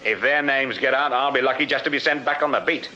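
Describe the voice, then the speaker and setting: Dogged English police sergeant, forceful voice. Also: male voice, medium pitch, lo-fi sound. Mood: wry, dutiful. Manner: deferential, measured questioning. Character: dogged, courteous Victorian police sergeant, shrewd and deferential. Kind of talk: period radio drama acting.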